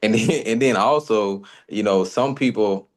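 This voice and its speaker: A man co-hosting a podcast in relaxed, friendly conversation, circling back over his points as he talks. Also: fairly low pitch, moderate pace. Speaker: podcast co-host. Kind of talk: casual conversation.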